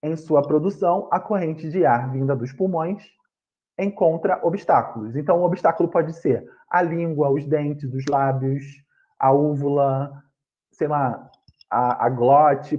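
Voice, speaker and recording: A man's voice: fairly high pitch, a little slow, muffled recording. A man with a Brazilian Portuguese accent teaching an online grammar lesson over a video call, explaining patiently, repeating points and correcting himself.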